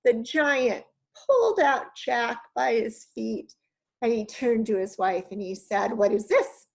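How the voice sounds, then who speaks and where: A woman reads a children's picture book aloud at an unhurried pace. Her voice is slightly high with a gravelly edge. She stops for friendly asides to her young audience. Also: low-quality recording. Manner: animated reading with fillers and asides to listeners. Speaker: teacher reading aloud. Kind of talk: children's storybook read-aloud.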